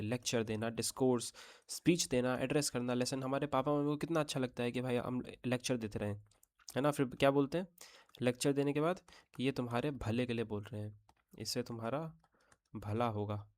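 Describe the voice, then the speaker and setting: A man's voice: mid-range voice, a little mellow. A man teaching exam vocabulary in a chatty online lesson, often checking in with his students. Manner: chatty teaching in Hindi mixed with English terms; checks in with rhetorical "theek hai?".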